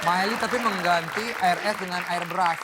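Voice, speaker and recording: A man's voice: high voice, moderate pace. A man, a talk show host bantering casually and introducing clips. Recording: some background noise and crowd sound.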